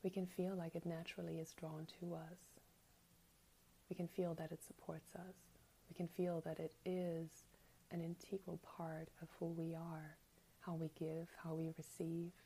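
A woman guiding a meditation in a soft, breathy, near-whispered spa-like voice. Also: sits low, monotone, normal speed, a little hiss or hum, poor audio. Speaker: meditation guide. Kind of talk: guided meditation. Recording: meditation music under the voice. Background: music.

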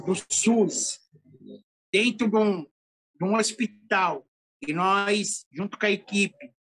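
A middle-aged pastor with a São Paulo accent tells a story in an animated, slangy, emotional way during a casual podcast interview. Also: male voice, sits high. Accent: São Paulo Portuguese.

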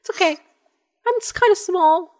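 A tiny, timid young gnome , put on by a woman game master, squeaks high above any normal speaking voice. He stammers and begs in a shaky, jumpy way, with a voice that swoops widely. It is a tabletop game voice. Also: sing-song, normal speed, fairly bright tone, heavily acted. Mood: nervous. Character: small frightened young male gnome.

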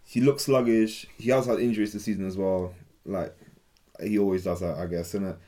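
Young male with a slightly deep voice, London roadman accent, slangy and repetitive, chatting through a football debate. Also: fairly even intonation, a little fast, dark tone. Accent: London, urban roadman slang. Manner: slangy, repeats phrases, often ends on "innit".

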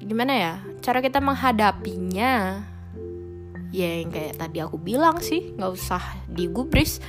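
A woman's voice: medium pitch, lively intonation, moderate pace, music in the background. A young woman hosting her own podcast, talking casually and frankly in slangy speech, with English phrases dropped in. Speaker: podcast host. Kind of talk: casual solo podcast talk.

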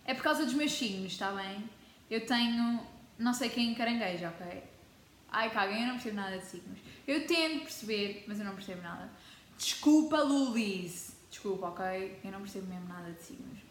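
A woman's voice: medium pitch, expressive, a little fast, slight background noise. A teenage girl from Portugal with a European Portuguese accent, vlogging in a chatty, dramatic way and dropping English words into her talk. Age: teens. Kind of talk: casual chat to camera. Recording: echoey room with faint ambience.

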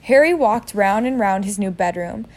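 A woman's voice: mid-range voice, moderate pace, a little mellow. A woman reading a novel aloud in a casual way, joking about her own misreadings. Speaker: reader.

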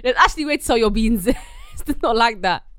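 Lively woman, dry sound. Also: a little high, brisk, no room sound. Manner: animated, laughing, teasing. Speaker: podcast co-host. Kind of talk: casual group chat.

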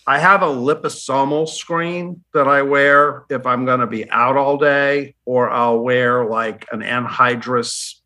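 Casting: chatty skincare specialist, male, bright tone, rambling restarts. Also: mid-range voice, flat delivery, measured pace, few pauses. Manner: rambling, self-correcting, chatty. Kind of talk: casual panel chat.

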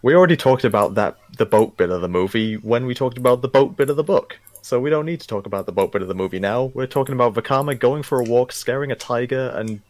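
A man co-hosting a podcast, giving a relaxed, rambling recap of a story with plenty of fillers over an internet call. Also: mid-range voice, fast talker, few pauses, no room sound. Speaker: podcast co-host. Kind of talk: casual chat, summarizing a book. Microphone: video call. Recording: lagging internet call audio.

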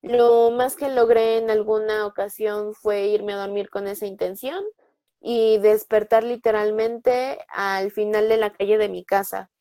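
A young woman with a Mexican Spanish accent tells personal stories in a loose, chatty way. She fills pauses and tags her sentences with little questions. Her voice sits at a middling pitch, and the recording is dry and close. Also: flat delivery, warm tone, no echo. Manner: chatty, lots of fillers and tag questions. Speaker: guest telling personal stories. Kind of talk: casual storytelling.

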